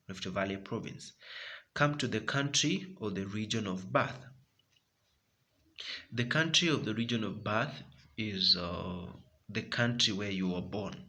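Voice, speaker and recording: Kenyan man, lowish voice, bright and forceful, patient tutorial explainer. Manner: repetitive, instructive, addresses viewers as guys. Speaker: tutorial presenter. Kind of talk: explaining a form step by step.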